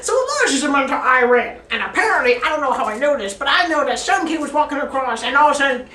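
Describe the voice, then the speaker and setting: A teen girl's high, bright voice is forceful, quick, and full of lively intonation as she spins an absurd, rambling improvised story, giggling often. Recorded in an echoey classroom by a distant camera across the room, she's a student storyteller.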